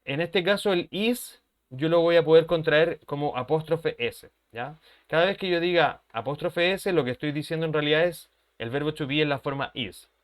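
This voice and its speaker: A man's voice: on the high side, normal speed. A man, an English teacher who explains patiently, repeats his points and keeps checking that his students follow. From Chile. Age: 30s. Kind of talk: language lesson explanation.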